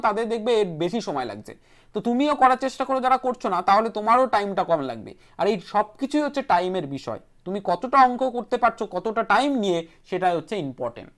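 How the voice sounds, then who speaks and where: A woman teaching an online math class for an entrance exam in a brisk way, repeating each step and number aloud. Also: mid-range voice.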